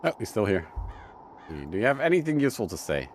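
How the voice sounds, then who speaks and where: A man's voice: medium pitch, big pitch swings, fast talker, noisy background. A man commenting on a mystery game playthrough in a sarcastic, joking way. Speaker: gamer.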